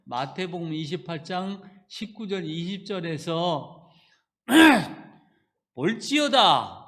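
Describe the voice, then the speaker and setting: A male pastor preaching a sermon and giving earnest personal testimony, moving from quiet reflection to loud pleading. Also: high-pitched, expressive, slow.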